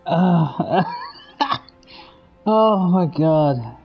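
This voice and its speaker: A woman's voice: low-pitched, expressive, very slow, vocal fry, a little mellow, breathy edge, soft background music. A woman playing a video game, constantly laughing and swearing in casual, amused banter.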